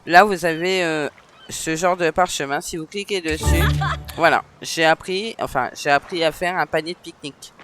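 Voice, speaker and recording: Man, northern French accent, casual gaming commentary, slightly high voice, informal and hesitant. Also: normal speed, music in the background. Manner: chatty, informal, frequent hesitations. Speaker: gaming streamer. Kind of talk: casual let's-play commentary.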